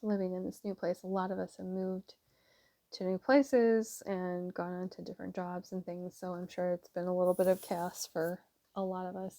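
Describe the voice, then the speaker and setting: A woman's voice: fairly low pitch, level tone, normal speed, warm tone, no room sound. A woman giving a casual tarot reading to her viewers, chatty and rambling with many fillers. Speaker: tarot reader.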